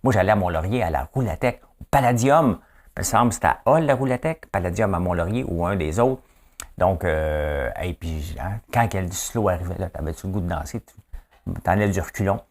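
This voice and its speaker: A man's voice: low voice, animated, a little fast. A man in his fifties with a Quebec French accent, hosting a casual, folksy news chat and often asking his listeners questions. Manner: chatty, folksy, keeps asking "hein?". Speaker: host.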